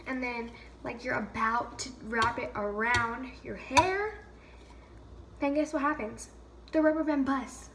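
In an unhurried, slightly high voice, a young woman chats through a baking vlog in her home kitchen, leaning on "like" and "um" and making jokes about herself. The camera mic is sometimes across the room, producing roomy, off-mic audio buried in heavy background noise.

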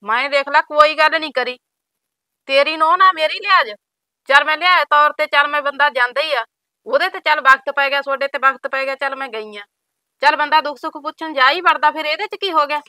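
A woman's voice: high-pitched, a little fast, pushed and bright, no room sound. A woman with a Punjabi accent playing a defensive, gossipy neighbour.

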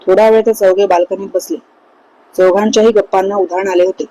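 A woman narrating a horror story in a measured, suspenseful way. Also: mid-range voice, fairly even intonation, dark tone, no room sound, poor audio.

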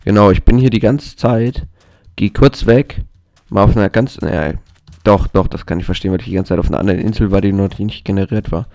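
A man's voice: lowish voice, a little fast, vocal fry, mellow, no room sound. A man giving casual gameplay commentary, hyper and jokey, rambling to himself. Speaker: let's play gamer.

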